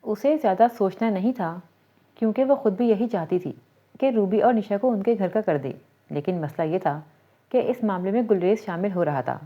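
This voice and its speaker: A woman narrating a romantic novel in a steady, even reading voice. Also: mid-range voice. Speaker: storyteller. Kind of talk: scripted story narration. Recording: dull lo-fi recording.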